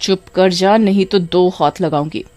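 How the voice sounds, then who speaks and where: A woman voicing a cruel, short-tempered young aunt in an animated storybook, scolding and wailing in a raised voice. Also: fairly low pitch, normal speed, close to an everyday voice. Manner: scolding, wailing when hurt.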